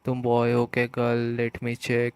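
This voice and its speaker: A man's voice: mid-range voice, completely flat delivery, slow, a little mellow, clear, resonant tone, no echo, close to an everyday voice. Brief: talkative teen boy, naive and polite, read by a man, level tone. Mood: chatty. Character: cheerful talkative teenage boy.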